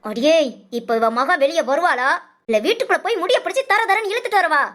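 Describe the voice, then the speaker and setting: Scornful middle-aged rich mother, high-pitched, harsh and bossy. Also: big pitch swings, brisk, full character voice. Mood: angry. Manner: shouting insults, contemptuous. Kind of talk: storybook voice acting.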